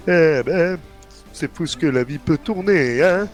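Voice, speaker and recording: A man playing a lawman in a western roleplay, chatting in a slow, drawn-out way. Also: a little high, soft background music.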